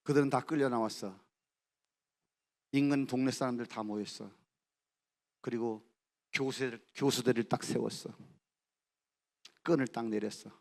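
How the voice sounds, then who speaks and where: A middle-aged man preaching at a youth camp service, telling the story dramatically and acting out the characters' lines, swinging from shouts to hushed near-whispers. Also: medium pitch, steady tone, normal speed, vocal fry, long pauses. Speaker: pastor. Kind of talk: sermon.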